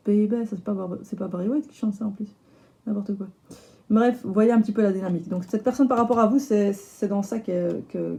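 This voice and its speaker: A woman with a slightly hoarse voice, chatting casually through a tarot reading with lots of fillers and restarts. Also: medium pitch, warm tone. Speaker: tarot reader.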